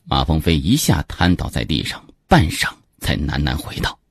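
A man narrating a dramatic story in scripted, expressive storytelling. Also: extremely low pitch, moderate pace, creaky, slight background noise.

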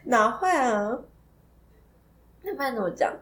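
A woman's voice: on the high side, animated, measured pace, a bit bright, a little hiss or hum. A woman co-hosting a podcast, telling a story in casual chat, giggling and stumbling over repeated words. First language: not Taiwanese Hokkien. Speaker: podcast co-host.

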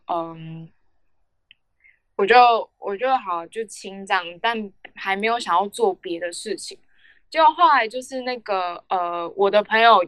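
A woman's voice: medium pitch, a bit bright, dry recording. A young woman, rambling through a casual story on a podcast with many fillers and restarts. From Taiwan. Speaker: podcast co-host.

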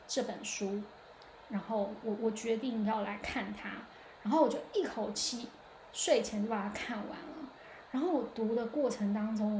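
With a fairly high, slightly mellow voice, a woman hosts a solo podcast, musing in a chatty, reflective way full of hesitations and restarts. The echoey room has slight background noise.

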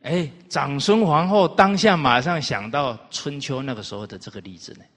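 A man lecturing on the classics, telling historical anecdotes in an animated way and putting rhetorical questions to his listeners. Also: mid-range voice, normal speed. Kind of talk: storytelling lecture. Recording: reverberant hall.

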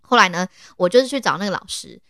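A woman's voice: mid-range voice, fast, dry recording, clean studio sound. A woman in her twenties with a Taiwanese Mandarin accent, co-hosting a casual podcast and telling stories with lots of laughter. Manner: animated storyteller, laughs often. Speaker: podcast co-host.

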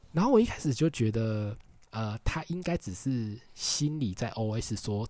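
Casual young guy with a Taiwanese Mandarin accent, mid-pitched voice, dry close sound, rambling vlog storyteller. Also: a little mellow, husky, no echo. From Tainan, Taiwan. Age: young adult. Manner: chatty, rambling with filler words and asides. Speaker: vlogger on a walking trip around the island.

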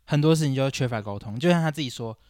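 A man's voice: mid-range voice, racing, darkish tone, dry recording, studio quality. A young man, co-hosting a podcast, complaining animatedly and acting out quotes. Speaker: podcast co-host. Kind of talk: casual chat about basketball.

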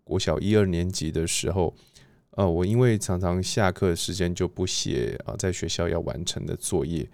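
Deep-voiced man giving a devotional talk. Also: gravelly, a little mellow. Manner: halting, with frequent filler pauses. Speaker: preacher. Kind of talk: devotional Bible reading talk.

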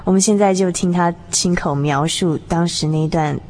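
Low-voiced woman host narrating. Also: moderate pace, darkish tone. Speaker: radio program host. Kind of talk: scripted narration.

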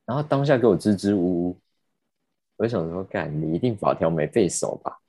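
Brief: young man, low and dark voice, indignant storyteller. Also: fairly quick, dry recording. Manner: animated, indignant, swears casually. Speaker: podcast host. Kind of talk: casual storytelling.

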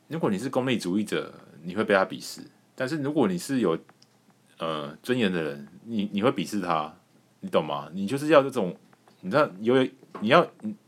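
Taiwanese male podcast host, low voice, swings widely in pitch, crude jokey chat, keeps laughing and restarting. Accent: Taiwanese Mandarin. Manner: joking and crude, laughing often, stumbling restarts.

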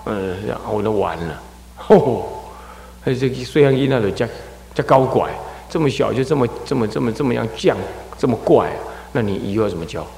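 A man from Taiwan, a Buddhist abbot, gives an animated dharma lecture and acts out scolding parents and crying children. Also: mid-range voice, a little fast, creaky, slight background noise. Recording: echoey hall with long reverb.

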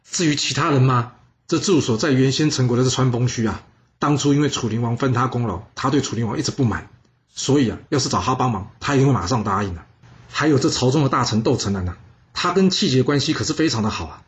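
A man's voice: mid-range voice, lively intonation, fast, dull audio, close to an everyday voice. A man voicing a scheming, persuasive adviser who coaxes and pushes hard. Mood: coaxing. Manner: coaxing, then urgent and shouting. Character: scheming persuasive male adviser, pushy and loud.

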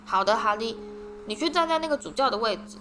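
A woman's voice: on the high side, lively intonation, quick pace, bright, forceful tone. A woman reading a bold young boy wizard who gives urgent orders, over background music. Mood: commanding. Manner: urgent, directing others.

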